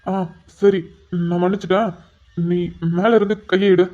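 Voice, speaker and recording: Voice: medium pitch, flat delivery, a little slow, a little mellow, dull audio, lightly acted. A performer voicing a flustered young married man in a cartoon, exasperated and pleading, with sighing asides.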